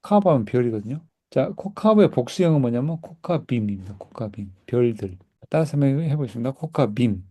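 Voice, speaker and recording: A man's voice: mid-range voice, animated, a little fast, warm tone. A man teaching a Hebrew class, patiently explaining and repeating words for students to echo. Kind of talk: classroom language lesson. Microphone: recorded class, whiteboard teaching.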